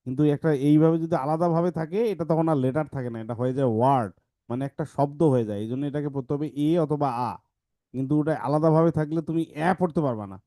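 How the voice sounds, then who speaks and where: Male teacher, patient explainer, mellow voice, dry close sound. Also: a little high, no room sound. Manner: explains patiently, reads examples slowly. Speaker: English teacher. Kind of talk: online class talk to kids.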